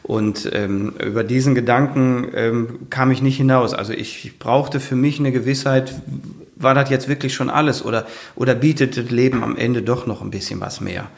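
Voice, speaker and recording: A man in his fifties tells his story in a relaxed interview. He is earnest and rambles, with frequent fillers and restarts. His pitch sits in an ordinary middle range. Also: normal speed, vocal fry. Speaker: guest, firefighter and author. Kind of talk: casual conversational interview.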